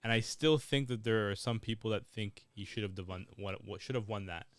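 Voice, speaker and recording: A man with a low, smooth, resonant voice talks football in a measured, reasoning way. The sound is dry and close. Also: a bit bright, no echo. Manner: measured, reasoning, hedges with "I think". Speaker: podcast co-host. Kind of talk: casual football chat.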